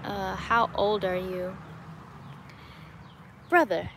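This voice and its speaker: A cheerful young woman chats loosely with her live viewers from her garden, laughing easily. Her voice sits at an ordinary middle pitch, picked up by a phone held at arm's length outdoors, with a faint hum of open air behind her. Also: steady tone, very slow, vocal fry, a bit bright. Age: 20s. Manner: upbeat, chatty, laughs often. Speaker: YouTuber answering live chat. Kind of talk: casual livestream chat. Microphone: webcam or phone at arm's length.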